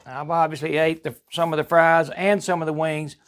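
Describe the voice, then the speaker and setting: A man with a notably high voice and a Southern US accent hosts a home cooking vlog. He talks in a casual, folksy manner, rambling along chattily as he demonstrates. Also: flat delivery, moderate pace.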